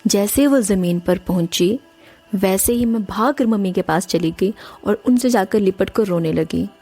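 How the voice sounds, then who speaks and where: A woman's voice: medium pitch, a little slow, warm tone, slightly rough. A woman narrating a first-person horror story in an earnest, emotional way, speaking directly to her listeners. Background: faint music.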